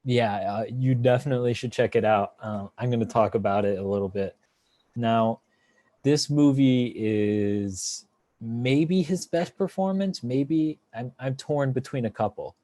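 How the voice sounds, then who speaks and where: Dark-voiced man chatting about movies. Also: mid-range voice, measured pace, dry recording. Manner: enthusiastic, rambling with fillers and restarts. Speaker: podcast host. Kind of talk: casual film review chat.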